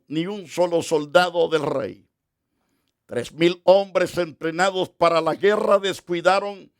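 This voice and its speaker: A male pastor preaching a televised sermon, retelling a Bible story with measured, emphatic delivery and dramatic pauses. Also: sits high, no room sound, studio quality.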